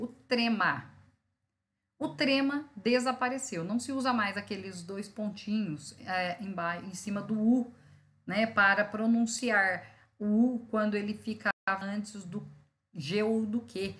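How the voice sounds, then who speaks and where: A woman teacher giving a recorded grammar lesson, explaining step by step, checking in with her students and sounding out syllables slowly for emphasis. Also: medium pitch, fairly bright tone.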